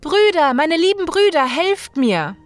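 A woman's voice: fairly high pitch, animated, normal speed, gravelly, a bit bright, faint music behind, pitched above the performer's own voice. A woman voicing a frightened young wife in mortal danger who pleads and cries out in panic. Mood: screaming desperately. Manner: flustered, pleading, crying out.

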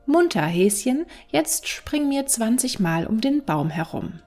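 A woman voicing a crafty wandering male fiddler in a storybook, calm and commanding with a gravelly edge. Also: a little high, a little slow, faint music behind, heavily acted. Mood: brisk.

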